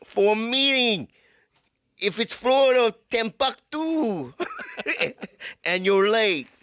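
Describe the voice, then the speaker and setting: A man's voice: extremely high pitch, huge pitch swings, slow pace, fairly bright tone, no room sound, clean studio sound, voice pushed up, exaggerated voice. A man acting out a stern adult male mob boss who scolds someone for being late. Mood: scolding. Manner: curt, scolding.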